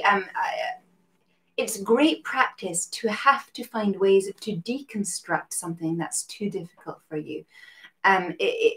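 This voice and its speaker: A woman teaching a live-streamed harp lesson, explaining technique gently and encouragingly, with pauses to greet viewers and answer their comments. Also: medium pitch.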